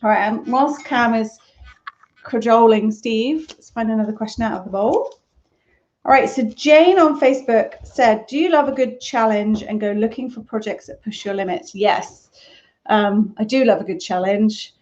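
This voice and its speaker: A woman's voice: fairly high pitch, normal speed, a little mellow. Chatty woman, lo-fi stream. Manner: chatty, rambling, self-deprecating. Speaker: crochet YouTuber hosting a live Q&A. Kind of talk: casual live stream chat. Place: at home, on a sofa.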